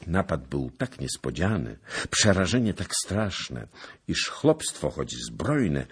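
A man narrates a historical novel in a very deep, husky voice. He reads slowly, with wide swings of intonation that give the story drama. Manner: dramatic, expressive reading.

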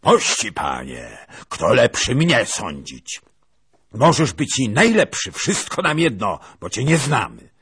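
A man's voice: medium pitch, wildly swooping pitch, takes it slowly, a bit bright, breathy edge, no room sound, clean studio sound, voice pushed up, exaggerated voice. A man voicing a furious, proud older noblewoman who shrieks scornful insults. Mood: cold scorn.

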